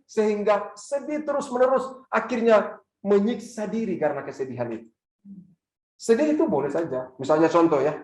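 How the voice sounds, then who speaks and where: Male pastor preaching, high voice, asks the crowd stuff, big echoey church. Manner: asks the congregation questions and repeats key lines; rises to loud fervent preaching. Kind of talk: sermon. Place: church hall.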